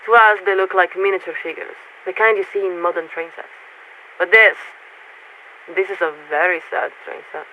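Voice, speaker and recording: A fairly low, steady-toned woman's voice portrays a polite, aloof warship officer surveying a city in a video game. She speaks formally and deliberately, pausing hesitantly to find words, with a wistful, detached air, all filtered like a military radio transmission: tinny, narrowband, and hissy.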